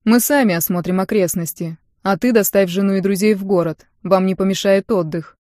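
A woman voicing a stern, cynical man of a dark order who speaks in a cold, formal verdict tone. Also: mid-range voice, fairly even intonation, fairly quick, dry recording, studio quality, natural voice. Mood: mocking.

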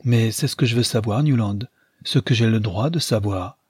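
A man voicing a calm, dignified young society woman in an audiobook, with a soft, earnest, husky voice. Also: on the low side, moderate pace, no room sound, clean studio sound. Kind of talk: audiobook character reading.

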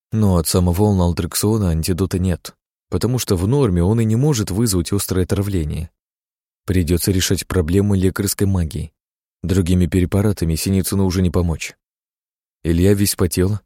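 A man narrating a novel in first person with a low, dark voice. His reading is steady and measured. The sound is dry and close. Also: no room sound. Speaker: audiobook narrator.

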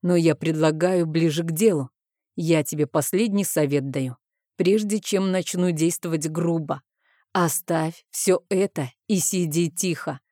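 A woman's voice: sits low, unhurried, mellow, dry recording, studio quality. A woman reading the part of an arrogant, condescending male villain in an audiobook, with a drawling, contemptuous manner. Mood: cold, stern. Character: smug arrogant man, misogynist villain on the phone.

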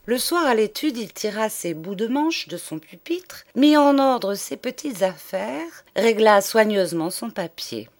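A woman narrating a literary audiobook with a measured, expressive reading and a dramatic lilt. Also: fairly high pitch. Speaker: audiobook reader.

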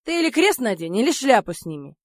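A loud, crude man who mocks and swears his way through every line, as a woman narrator puts him on. His voice rides high and pushy, cutting through a dry, close recording. He keeps sneering at his friend. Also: sing-song, a little fast, no room sound. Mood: jeering. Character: brash crude foul-mouthed man, pushy and mocking.

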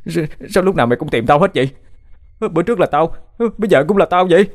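A man's voice: fairly high pitch, slow pace, creaky, darkish tone, in a large hall, voice pushed up. A man voicing a cowardly young villager who stammers and pleads in panic. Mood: terrified.

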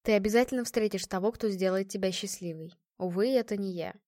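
Young nobleman read by a woman, weary, apologetic, low and soft, audiobook. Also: quick pace, no room sound, clean studio sound, natural voice. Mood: subdued. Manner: low, subdued, sighing. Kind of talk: audiobook character reading.

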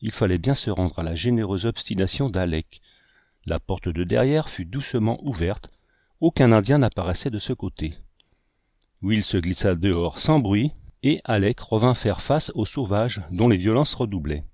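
A man reading a novel aloud in measured narration, lifting his voice for the dialogue. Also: animated, darkish tone, dry recording. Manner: measured reading, voicing dialogue with raised pitch. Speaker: audiobook reader. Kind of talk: scripted narration. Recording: dry, dull sound.

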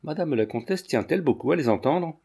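A man's voice: fairly high pitch, lively intonation, fairly quick, vocal fry, a little mellow, breathy edge, pitched above the performer's own voice, full character voice. A man doing a glib, talkative young Parisian man. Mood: teasing.

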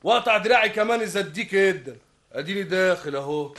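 A man voicing a defensive suspect in a theft, protesting loudly, in an Egyptian accent, in a radio drama. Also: high voice, lively intonation, very fast. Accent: Egyptian Arabic. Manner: protesting, exclaiming. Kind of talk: vintage radio drama acting.

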